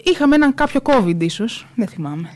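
A woman co-hosting a podcast in casual chat, joking and animated. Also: fairly high pitch. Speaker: podcast co-host.

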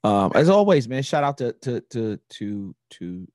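A man co-hosting a podcast in casual chat, relaxed and slangy, often dropping "you know what I'm saying.". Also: medium pitch, measured pace, no echo, clean studio sound. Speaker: podcast co-host.

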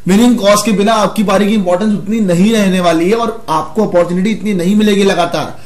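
High-voiced man in an echoey room. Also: steady tone, quick pace, darkish tone. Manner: earnest, argumentative analysis. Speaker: cricket show co-host. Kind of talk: casual cricket discussion.

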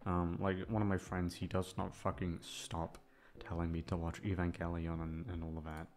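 This man's voice sits low and stays monotone at a normal speed. An ASMR voice actor who hosts a channel, he rambles hesitantly to his listeners, mocking himself and swearing freely, positioned a bit back from the mic with soft guitar music behind him.

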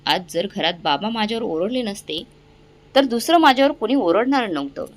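A woman's voice: fairly high pitch, animated, normal speed, close to an everyday voice. A woman voicing a remorseful young man pleading emotionally with his family.

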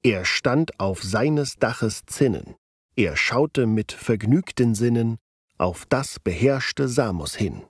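A man narrates a scripted lesson in a clear, deliberate way. His voice sits low but swings up and down in pitch, with a slightly husky edge. The recording is dry and close. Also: mellow, dry recording. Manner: clear, deliberate explaining, slowing down to read verse with stressed syllables. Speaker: narrator of an educational video.

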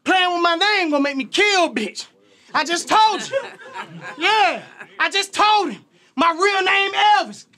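High, bright Southern country man shouting bars. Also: animated, a little slow. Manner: shouted, aggressive delivery. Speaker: battle rapper. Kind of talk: battle rap performance. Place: live battle event with a crowd.

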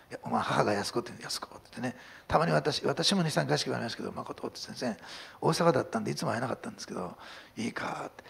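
Man, pastor, sermon, husky raspy voice, fast delivery, earnest. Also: medium pitch, fairly bright tone. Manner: earnest, builds to emphatic climaxes.

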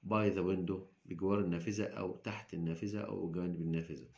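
A man with an Egyptian Arabic accent teaching English to children, repeating each word slowly and switching between Arabic explanations and English. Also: low voice, steady tone, creaky, a little mellow, lo-fi sound. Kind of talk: classroom vocabulary lesson.

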